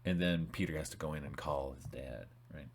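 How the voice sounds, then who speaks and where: A man's voice: very deep voice, brisk, slight background noise. A man talking informally and reading passages aloud from a book, rambling with frequent restarts and asides. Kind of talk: casual talk with reading aloud.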